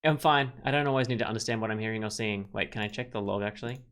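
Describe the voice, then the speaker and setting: Game music plays behind a man narrating a visual novel as a let's player, drifting into loose, rambling remarks between lines. He talks very fast in a lowish voice that sounds smooth and fairly bright.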